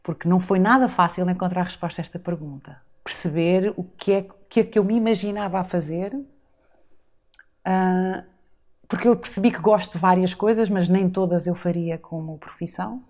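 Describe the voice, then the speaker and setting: A woman in her forties from the Azores, Portugal, shares her life story as a guest on a casual podcast interview, reflective and full of rhetorical asides. Her voice sits on the low side, a little fast and a little mellow.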